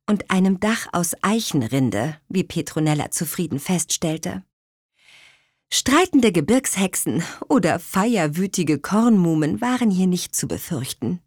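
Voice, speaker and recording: A woman reading a children's story aloud at an unhurried pace, her pitch rising and falling widely. The voice is close and dry, with no room sound. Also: no echo. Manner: slow, expressive storytelling. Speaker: narrator.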